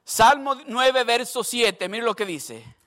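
A man's voice: extremely high pitch, lively intonation, slow, a bit bright. An older man preaching a sermon, emphatic and repetitive, asking the congregation questions and telling stories from his own life. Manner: storytelling asides.

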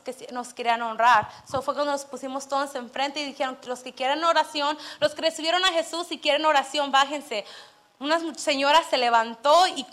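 A woman with a bright, high voice shares a personal testimony during a church service. She tells the story earnestly and with feeling, acting out the dialogue as she goes. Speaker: church member giving testimony.

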